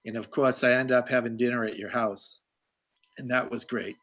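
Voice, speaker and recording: A man's voice: medium pitch, fairly even intonation, moderate pace, a bit bright. A man hosting a live video-call chat with an author, talking in a rambling, chatty way full of compliments. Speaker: host. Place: home in Boston.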